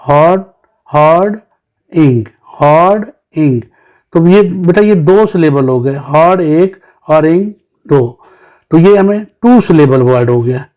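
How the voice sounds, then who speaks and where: A man's voice: fairly high pitch, a little mellow. A man teaching children English, patiently sounding out words syllable by syllable. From Pakistan. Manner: mixes English terms into Hindi-Urdu explanation. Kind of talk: recorded English lesson for children.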